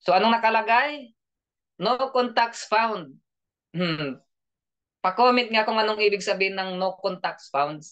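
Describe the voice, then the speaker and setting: A man's voice: sits high, normal speed, fairly bright tone. A man coaching an online training session, joking, laughing often and keeping his listeners engaged with questions. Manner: joking, laughs often, keeps asking the audience. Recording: dull lo-fi audio.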